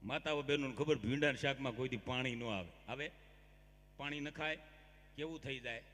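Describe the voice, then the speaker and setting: A man's voice: medium pitch, normal speed. A man telling comic stories on stage, talking straight to the audience. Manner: lively, addresses audience directly. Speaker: folk comedian. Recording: long hall reverb.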